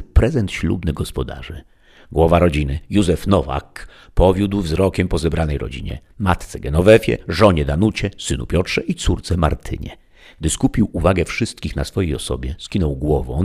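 A man reading a story aloud as an audiobook narrator, in a measured, dramatic way. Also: very deep voice, animated, darkish tone, breathy edge. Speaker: audiobook reader.

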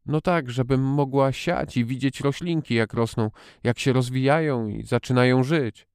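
A man's voice: medium pitch, moderate pace, a little mellow, clean tone, dry recording, clean studio sound, pitched above the performer's own voice, close to an everyday voice. A man voicing a shy young girl who stammers and pleads hesitantly, read as an audiobook character. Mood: timid pleading.

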